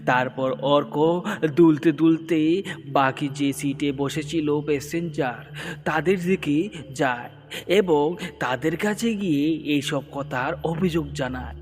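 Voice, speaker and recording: A man narrating a horror story in a slow, dramatic storytelling manner. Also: a little high, a little mellow. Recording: long reverb with background music.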